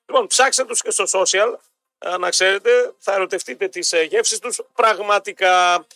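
Man from Greece, radio co-host, teasing banter, gravelly, dry close mic. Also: high-pitched, pushed and bright, no room sound. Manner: teasing, talks over his partner. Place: radio studio. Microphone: studio microphone.

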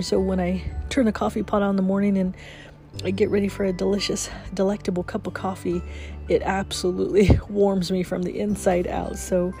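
A podcast host with a creaky, dark, mid-range voice chats cheerfully through her casual morning show, laughing often despite being sniffly from a cold.

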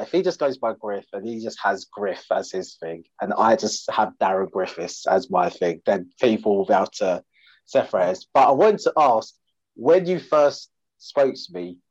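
An Essex man with an Essex accent guests on a podcast as a comedian, chatting casually in a jokey, self-deprecating way. His voice sits on the low side with a darkish tone at normal speed, and the dry recording has its highs cut off.

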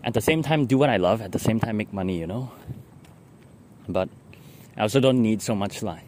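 A man's voice: fairly low pitch, expressive, a little fast. A young man with a Singlish accent rambling casually in a diary style, meandering and ending phrases with lah. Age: young adult. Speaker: daily vlogger. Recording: loud traffic and vehicle noise.

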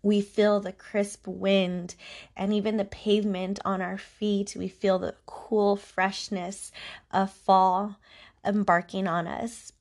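This podcast host is a woman whose voice is congested from allergies and doesn't sound like its normal self. She speaks slowly at a medium pitch with a level, darkish tone, confiding a personal, reflective talk about faith.

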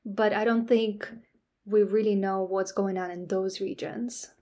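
A woman guest in an interview, patiently explaining her research in a relaxed way, often checking in with "right?". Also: medium pitch, measured pace. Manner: explains patiently, with frequent "right?" and "that kind of stuff". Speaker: scientist guest.

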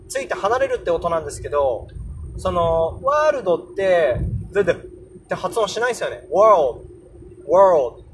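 A man's voice: high voice, slight background noise. A young man casually hosting a solo podcast, explaining English pronunciation and sounding out example words aloud. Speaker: podcast host.

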